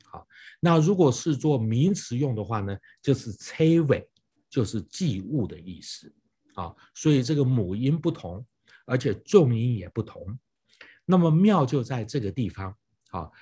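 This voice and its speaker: A man's voice: mid-range voice, dark tone, husky. A man preaching a sermon, explaining scripture with rhetorical questions and frequent fillers.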